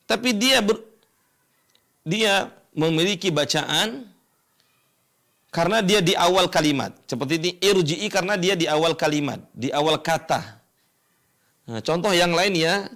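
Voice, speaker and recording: A man teaching Quran recitation rules step by step, asking and answering his own questions and chanting examples slowly. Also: high-pitched, creaky, a bit bright. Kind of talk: educational lesson explaining tajwid rules.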